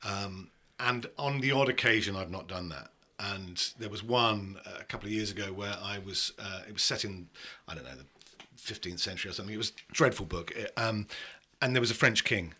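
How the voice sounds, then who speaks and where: English guy, voice-over actor, animated and bright, tells funny work stories in a husky voice. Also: lowish voice, fairly quick, few pauses. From England. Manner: animated storyteller, self-mocking, laughs often. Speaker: voice-over actor and audiobook narrator. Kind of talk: casual chat.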